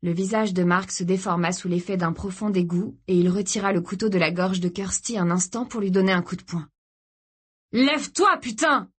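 A woman giving a steady, dramatic scripted narration of an audiobook. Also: on the low side, fairly quick, few pauses, husky.

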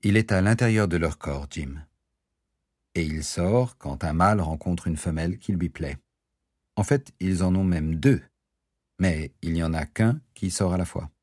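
A man voicing a calm wry doctor, deep and husky. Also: a little slow, no room sound, studio quality. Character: male doctor, weary and wry. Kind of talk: audiobook character voice.

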